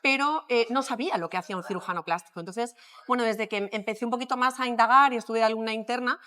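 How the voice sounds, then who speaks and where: A middle-aged plastic surgeon from Madrid, Spain, appears as a guest on a podcast interview. She speaks with a Spanish accent in a fairly high voice, thinking out loud thoughtfully with many pauses and fillers.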